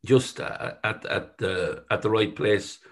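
A middle-aged man with a thick West of Ireland accent, answering interview questions modestly and haltingly, often circling back to rephrase. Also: fairly low pitch. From Sligo, west of Ireland. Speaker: company chief executive being interviewed.

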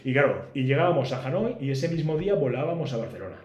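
Guy rattling off a travel story, fast and bouncy, roomy echo, faint hiss behind. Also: mid-range voice, lo-fi sound. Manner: animated storyteller, acts out dialogue. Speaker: podcast guest.

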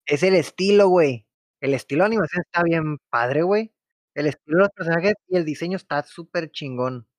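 A young man, chatting on a podcast in an emphatic, slangy way. His voice is a bit high. The sound is dry and close. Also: animated, a little fast, dry recording. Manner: emphatic, ends phrases with slang tags. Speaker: podcast co-host. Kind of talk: casual chat.

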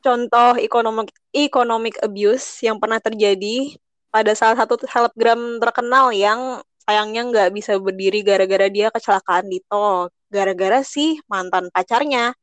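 A woman co-hosting a podcast in a casual chat, talking in a blunt, slangy, animated way. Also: a little high, normal speed, dry recording. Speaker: podcast co-host.

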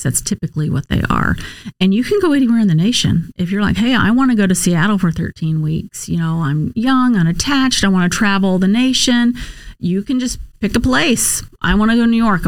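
An American woman, a nurse case manager and former Marine officer, answers interview questions as a guest in a conversational, candid way. Her medium-pitched voice, on a dry recording, explains things and repeats points for emphasis.

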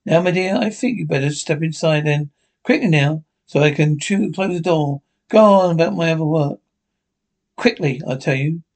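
A man's voice: a little high, moderate pace, close to an everyday voice. A man playing a murderous old man in a horror radio play, with a menacing, theatrical delivery. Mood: impatient, menacing. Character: gloating murderous old man, panicking when trapped.

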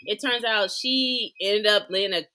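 A woman's voice: mid-range voice, measured pace. A woman from Georgia co-hosting a podcast, chatting casually and expressively about TV shows and acting out scenes as she retells them. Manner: expressive, acts out quotes. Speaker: podcast co-host. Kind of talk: casual chat.

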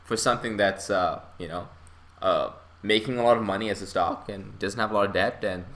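Bright-voiced young man chuckling through chat. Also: fairly low pitch, steady tone, brisk. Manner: rambling, chuckling often. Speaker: podcast host. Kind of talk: casual investing chat.

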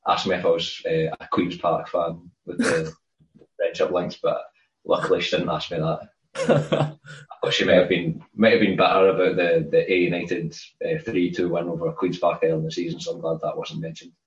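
In a dull, roomy lo-fi recording, a Scottish man co-hosting a podcast chats casually and rambles, frequently repeating words at the start of a thought. His voice is low and level, at normal speed.

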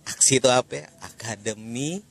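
A man's voice: mid-range voice, fairly quick, vocal fry, slight background noise. A man with a Jakarta accent hosting a casual podcast chat in informal, joking Jakarta slang. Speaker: podcast host. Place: coffee shop.

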